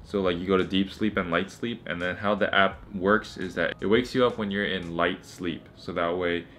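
A man's voice: deep voice, fairly even intonation, moderate pace, a bit bright, a little hiss or hum. A young man talking casually to camera as a vlogger. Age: young adult. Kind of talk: casual vlog chat.

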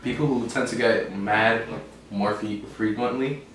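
A man's voice: fairly low pitch, fairly even intonation, measured pace, fairly bright tone. A young man chatting casually in a teasing, boastful way during a food challenge. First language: bilingual English and Spanish. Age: young adult. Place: small bedroom, sitting on a bed. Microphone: camera a few feet away. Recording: very echoey bedroom, distant mic, faint noise.

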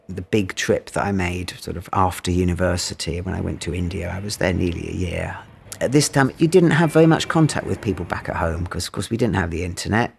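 A British-accented man in his fifties talking about himself in a relaxed, informal interview style. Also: low voice, gravelly, a little hiss or hum. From United Kingdom. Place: indoor room, seated.

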